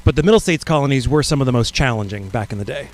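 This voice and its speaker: A man's voice: medium pitch, animated, very fast, a little mellow. A man hosting a convention session in a light, informal conversational style. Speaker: convention host.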